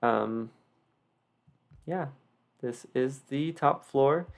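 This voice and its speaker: Touring a game build, this video creator talks off the cuff in a rambling way, slipping in self-deprecating asides. A slight lisp from his retainers colors his gravelly, mid-range voice, and he draws his words out.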